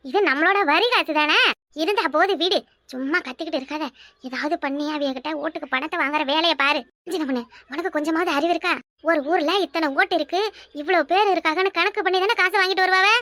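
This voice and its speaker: A woman's voice: very high-pitched, fast, bright, forceful tone, no echo, studio quality, exaggerated voice. A woman voicing a practical, scolding village woman named Rani in a cartoon, with a southern Tamil Nadu rural accent. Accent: southern Tamil Nadu rural dialect. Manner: scolding, worldly. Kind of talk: cartoon voice acting.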